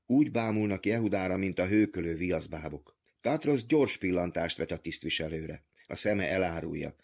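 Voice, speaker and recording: A man reading a literary novel aloud as an audiobook, with measured, even storytelling. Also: deep voice, gravelly. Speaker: audiobook reader.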